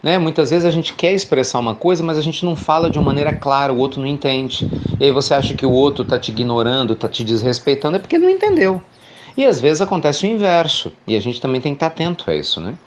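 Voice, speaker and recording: A man's voice: on the high side, big pitch swings, fast, muffled recording, a little hiss or hum. A middle-aged Brazilian man giving an informal spiritual reflection, talking chattily and often asking rhetorical questions. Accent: Brazilian Portuguese. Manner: chatty, warm, peppered with rhetorical tag questions. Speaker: spiritual speaker.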